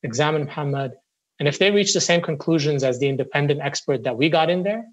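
A man's voice: a little high, fast, rough recording. Earnest male lawyer in an interview. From Syria, raised in the Middle East. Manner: earnest, speaks in restarts and repetitions.

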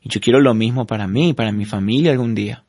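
A man's voice: fairly low pitch, quick pace, darkish tone, husky, no echo, studio quality. A grown son chatting and reminiscing about his parents, friendly and conversational. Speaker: adult son of S1. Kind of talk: conversational talk.

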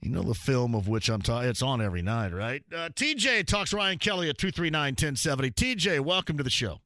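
A man's voice: medium pitch, big pitch swings, brisk, a bit bright, no echo, clean studio sound. A man hosting a call-in sports radio show, chatting and joking with callers and laughing often.

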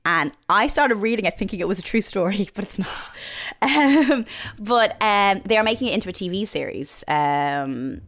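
An Irish-accented woman in her thirties, a presenter and author, talks casually as an interview guest, filling her speech with fillers and restarts. Her medium-pitched voice is expressive and fairly bright, moving at a moderate pace with hardly any pauses.

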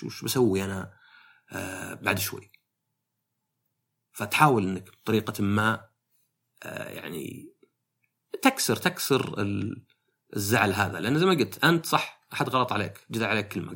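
A man's voice: fairly low pitch, gravelly, a bit bright, slightly rough. A man, a podcast host talking through his ideas in a casual, reflective monologue, thinking aloud with many fillers.

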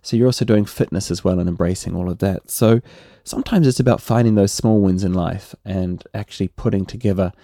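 A middle-aged man with a New Zealand accent, hosting a relaxed solo podcast and often tagging his points with "right?". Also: low-pitched, creaky, no room sound, clean studio sound. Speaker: podcast host.

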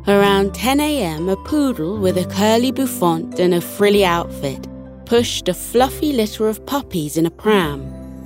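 A woman narrating scripted bedtime stories for children as a podcast host, in a soothing, unhurried sleep story manner. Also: mid-range voice.

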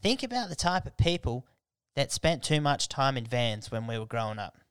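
A man's voice: mid-range voice, sing-song, normal speed, a bit bright, clear, resonant tone, no echo, studio quality. An Australian man hosting a podcast in a casual comedic monologue, blokey and irreverent, with heavy swearing and slang. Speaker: podcast host.

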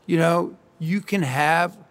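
A man hosting a conversational interview, putting his questions slowly with frequent ums and uhs. His voice has a gravelly, creaky edge and sits a little high for a man. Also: fairly bright tone. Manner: measured, hesitant, many ums and uhs. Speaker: podcast host.

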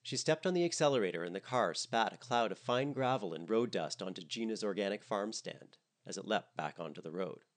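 A man narrating a comedic story in a wry, expressive way. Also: lowish voice, fairly quick, hardly any pauses.

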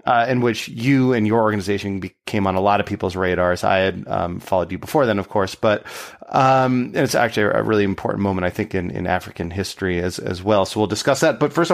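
A man from Connecticut hosts a conversational interview. His low voice has a gravelly, fry-laden edge, and he asks his questions in a relaxed, chatty way. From Connecticut, USA. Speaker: podcast host, editor.

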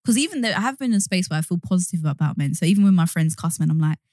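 A woman's voice: on the low side, expressive, very fast, dark tone, dry recording, clean studio sound. A young British woman co-hosting a podcast, chatty and self-deprecating, with many fillers. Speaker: podcast co-host. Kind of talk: casual chat.

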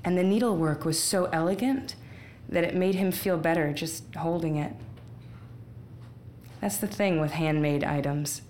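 Woman, storyteller, low voice, slow, wry deadpan asides, faint background hiss. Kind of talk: live storytelling performance.

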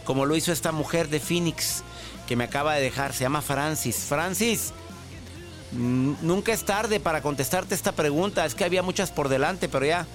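A man hosting a call-in advice radio show, lively and chatty with joking asides. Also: a little high, moderate pace, music in the background. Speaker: radio show host, psychologist.

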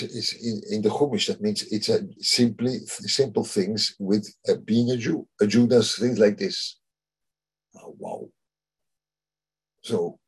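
Guy teaching torah casually, very husky voice, stops and restarts a lot. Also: fairly low pitch, darkish tone. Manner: halting, searches for words, many restarts. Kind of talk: informal Torah talk.

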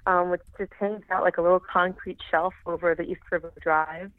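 A woman's voice: fairly low pitch, steady tone, a little fast, dry recording. A woman with a New York City accent who drops T's and word endings, chatting casually as an interview guest. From New York City, Lower East Side of Manhattan. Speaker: podcast guest, farm school director. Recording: thin phone-like radio line.

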